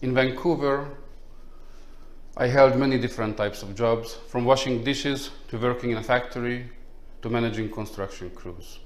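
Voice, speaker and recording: A man from Hungary running for city council, reading a polite, measured self-introduction. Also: medium pitch. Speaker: council candidate. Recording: roomy echo.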